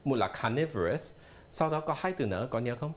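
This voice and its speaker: A man's voice: medium pitch, lively intonation, a little fast. A man teaching a live televised language lesson in a studio, explaining patiently and spelling words out letter by letter. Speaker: English teacher.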